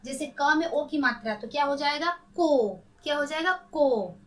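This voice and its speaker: A woman's voice: high voice, fast talker, sharp tone. A woman teaching young children to read, sounding each syllable out patiently and asking them questions as she goes. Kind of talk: children's Hindi phonics lesson.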